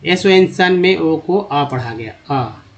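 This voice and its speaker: A man's voice: high voice, expressive, a little slow. A man teaching English reading, explaining slides step by step, repeating example words and addressing viewers as friends.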